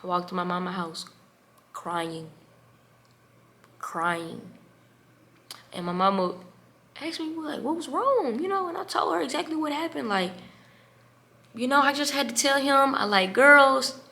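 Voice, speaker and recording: A young woman vlogger telling a personal story in an emotional, animated way. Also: a little high, a little slow, creaky, long pauses. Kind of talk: storytime vlog.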